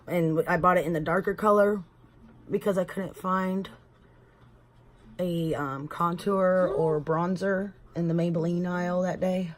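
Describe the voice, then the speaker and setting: Speaking a little slowly in a fairly low voice with fairly even intonation, this Texan woman in her thirties runs a beauty vlog. She chats casually at home through a makeup tutorial, rambling and calling her viewers y'all.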